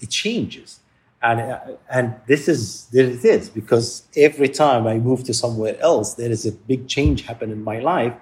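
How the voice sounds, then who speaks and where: Halting, soft-spoken male interview guest. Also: medium pitch. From Palestine. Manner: halting, searching for words, frequent restarts. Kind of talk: reflective interview talk.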